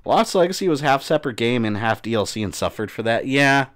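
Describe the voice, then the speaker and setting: A man's voice: medium pitch, animated, fast, a bit bright. A man from Puerto Rico chatting casually and swearing while he streams a game. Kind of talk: live gameplay commentary. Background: game music and gunfire.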